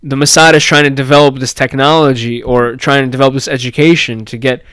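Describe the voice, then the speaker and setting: A man of middle pitch tells a story in loose, animated podcast talk, full of fillers and the odd swear. His voice is smooth and resonant. The room is dry, with no echo. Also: fast talker. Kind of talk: casual chat.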